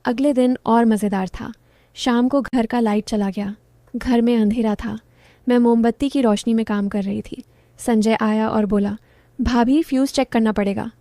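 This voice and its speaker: A woman narrating a story in the first person, with a soft, low-key delivery. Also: steady tone, moderate pace, no room sound.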